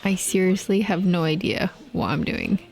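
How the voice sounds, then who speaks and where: A woman's voice: lowish voice, fairly even intonation, normal speed, a crowd in the background. A young woman narrating her travel vlog in a chatty, upbeat way, laughing often. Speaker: travel vlogger. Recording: background music under voice.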